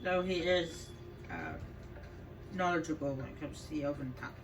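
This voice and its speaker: A woman's voice: low voice, very animated, normal speed, distant mic, noisy background. A woman giving casual, rambling gameplay commentary as host of a video game walkthrough. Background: video game music.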